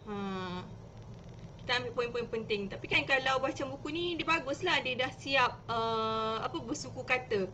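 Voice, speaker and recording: A woman teacher with a Malaysian Malay accent giving casual live-stream tips, chatty and explaining step by step with lively emphasis. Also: on the high side, normal speed, a little hiss or hum.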